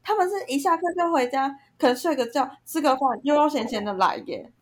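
Brief: young woman, podcast co-host, fired-up venting, voice sits a bit high. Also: brisk. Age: young adult. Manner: heated, ranting, animated storytelling. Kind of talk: casual venting chat.

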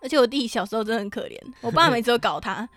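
A young Taiwanese woman co-hosts a podcast with a Taiwanese Mandarin accent, rattling off stories at a quick clip in a fairly high voice. She laughs often and swears casually. The sound is close and dry, with faint music underneath. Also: lively intonation, a bit bright, dry recording. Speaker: podcast co-host. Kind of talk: casual chat.

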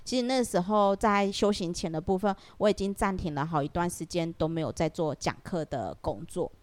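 A woman's voice: on the low side, a little fast. A woman with a Taiwanese Mandarin accent, a podcast guest reflectively telling her own story with many fillers. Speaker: guest sharing her experience. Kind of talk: casual podcast conversation.

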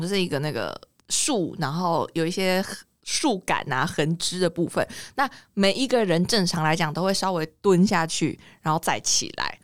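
A woman with a Taiwanese Mandarin accent telling a story in casual podcast chat, animated and expressive. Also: lowish voice, no echo, studio quality. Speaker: podcast co-host.

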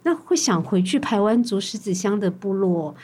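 A woman podcast host from Taiwan's Atayal community, who asks questions and adds frequent soft acknowledgments. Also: medium pitch, lively intonation, moderate pace, husky. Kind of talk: interview hosting.

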